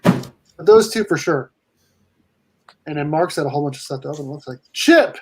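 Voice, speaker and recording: A man's voice: on the high side, expressive, moderate pace, darkish tone, husky. A man with a Southern US accent, joking and bantering on a casual video call. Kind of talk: casual chat.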